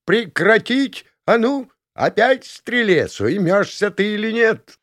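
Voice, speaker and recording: A man doing a shrill furious dorm warden. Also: animated, takes it slowly, no echo, studio quality, heavily acted. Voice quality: strident, shouting.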